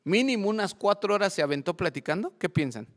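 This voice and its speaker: Male pastor, higher-pitched, call-and-response preaching, long church-hall reverb. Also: expressive, fast talker. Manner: quizzes the congregation with call-and-response questions. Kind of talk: sermon. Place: church service.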